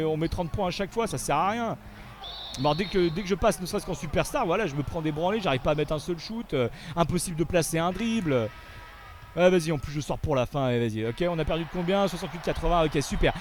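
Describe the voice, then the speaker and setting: A man giving gameplay commentary as a video host, animated, often swearing and yelling in frustration. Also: fairly high pitch, fast, slight background noise.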